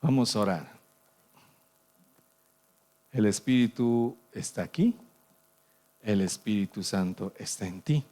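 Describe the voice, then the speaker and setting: Bolivian man preaching with surges. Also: deep voice. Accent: Bolivian Spanish. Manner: preaching with sudden loud rises and soft drops. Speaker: pastor. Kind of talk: sermon.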